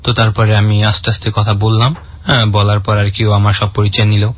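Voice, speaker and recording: A man's voice: fairly low pitch, little pitch movement, brisk, muffled recording. A young man from in Bangladesh, casually telling a long personal story with many fillers and restarts. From Barishal, Bangladesh. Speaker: guest telling his story.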